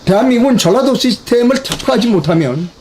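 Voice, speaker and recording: Emphatic high-voiced older man commentator. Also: animated, fast, darkish tone, a little hiss or hum. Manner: emphatic, repetitive, rhetorical questions to viewers. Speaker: political commentator. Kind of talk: political news briefing monologue.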